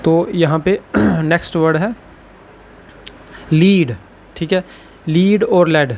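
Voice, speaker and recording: A male shorthand teacher explains a lesson, tagging almost every phrase with "ठीक है" and repeating words slowly. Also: fairly high pitch, a little mellow, dull audio, slight background noise.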